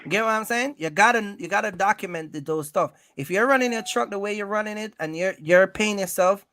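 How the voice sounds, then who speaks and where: A man with a high, fairly quick voice hosts an animated conversation giving business advice to truck owners. He speaks emphatically, repeats himself, and often checks in with questions.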